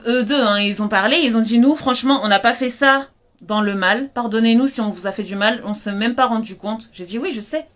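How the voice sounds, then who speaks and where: Young female life coach, live stream, earnest and emphatic delivery, slightly high pitch. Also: fairly bright tone. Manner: earnest, emphatic, acts out her parents' lines in dialogue.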